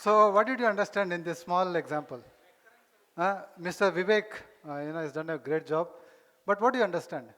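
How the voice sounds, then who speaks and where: A man's voice: sits high, very slow, fairly bright tone. A man lecturing a conference hall and quizzing the audience, mixing in Tamil words. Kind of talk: teaching lecture.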